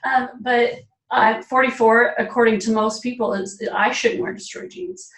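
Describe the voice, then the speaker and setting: A woman in her forties, a style expert being interviewed, talking in an animated, emphatic way and laughing often. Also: on the high side, normal speed, roomy sound, recorded from a distance. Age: 40s. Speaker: guest, personal style expert. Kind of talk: casual interview chat.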